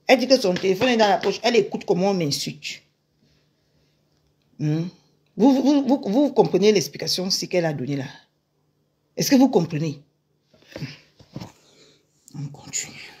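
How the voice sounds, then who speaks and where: A woman's voice: mid-range voice, expressive, moderate pace, long pauses, darkish tone. A woman on a live stream who emphatically explains a message to her viewers and asks whether they understand. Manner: emphatic, repeats questions to the audience.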